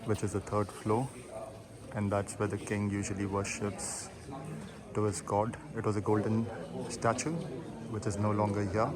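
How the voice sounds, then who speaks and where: A man's voice: on the low side, completely flat delivery, moderate pace, over a noisy crowd, poor audio. A man giving casual travel vlog narration as he tours a site. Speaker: travel vlogger. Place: at a large temple site. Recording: clear background noise, outdoor ambience.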